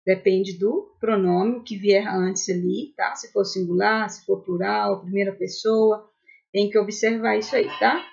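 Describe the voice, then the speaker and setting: A woman's voice: on the high side, vocal fry, muffled recording. A woman teaching an online English grammar lesson with a Brazilian Portuguese accent, patiently checking in with her students.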